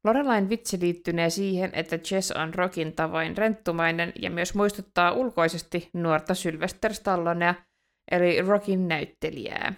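A Finnish woman with a fairly low voice co-hosts a casual podcast. She reads episode recaps aloud and chats easily, often on the edge of a giggle. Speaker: podcast co-host.

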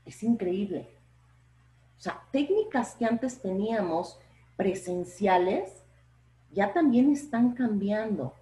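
A Mexican woman professor talks about public speaking at an unhurried pace. Her pitch rises and falls widely as she makes her points and poses rhetorical questions. The recording carries a noticeable room echo. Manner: expressive, plays up intonation, asks rhetorical questions. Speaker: professor, podcast guest. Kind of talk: explanatory talk on public speaking.

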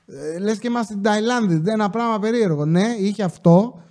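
Male podcast host, high voice, comic storyteller, loose and chatty with constant jokey asides. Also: a little mellow. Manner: joking, chatty asides to listeners. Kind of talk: casual comic storytelling monologue.

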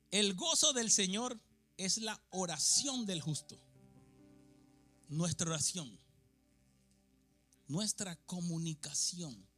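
A male preacher with a high, bright, ringing voice delivers a fervent sermon in a church. He drops low and close for personal testimony, then rises to shouted calls of faith, with faint music playing underneath. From Venezuela. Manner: impassioned, swings from low confiding to shouted exhortation.

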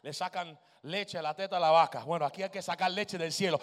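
A man preaching a charismatic sermon as pastor in a church sanctuary, building to shouted crescendos. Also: fairly high pitch, a little fast, big-room sound.

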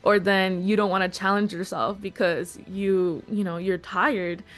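A woman's voice: mid-range voice, flat delivery, measured pace, faint music behind. A woman hosting a casual interview, supportive and relating with her own experience.

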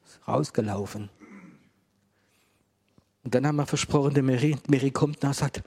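A man's voice: medium pitch, normal speed, vocal fry, warm tone, husky. A middle-aged man preaching and telling a testimony to a live audience, acting out dialogue as he goes. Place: room with a gathered audience.

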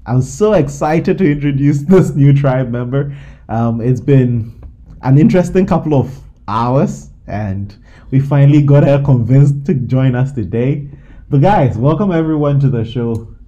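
A man's voice: medium pitch, expressive, a little slow, mellow, lo-fi sound. A man hosting a casual group podcast, upbeat and teasing, often laughing as he talks. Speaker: podcast host.

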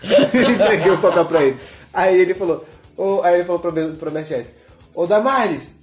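A man's voice: high-pitched, brisk, a little mellow, reverberant, soft background music. A young man from Brazil co-hosting a podcast, chatting casually and telling stories with slangy banter and frequent laughter. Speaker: podcast co-host. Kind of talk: casual chat.

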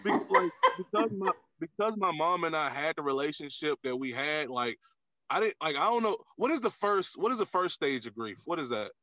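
A man's voice: on the high side, animated, brisk, sharp tone, no room sound. A man, a comedian guest on a podcast, talking candidly in casual chat with lots of filler words. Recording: dull, lo-fi, dry sound.

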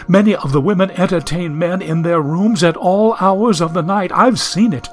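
Here a male audiobook reader takes on a prim, anxious young lady from the 1870s, lost in modern times and clearly distressed. His voice sits high and moves at a normal speed, staying close to his everyday sound, with faint music underneath.

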